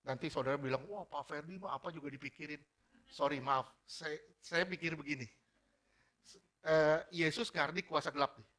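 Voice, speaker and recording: A man preaching a sermon as pastor, energetic, firing rhetorical questions at the congregation and mixing formal preaching with casual slang. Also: on the high side, normal speed.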